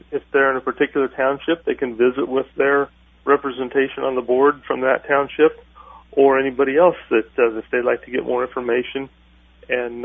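A man heard taped off the radio, a guest talking in a halting way with lots of fillers. The sound is thin and phone-like. It is dry, with no room echo. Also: medium pitch. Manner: halting, many filler pauses. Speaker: farm organization president, radio guest. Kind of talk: radio interview.

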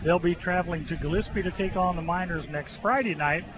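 A man calling a high school football game and reading station promos in a dense, steady announcer delivery, heard through a muffled radio broadcast from a press box. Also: a little fast, background noise. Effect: muffled lo-fi radio broadcast sound.

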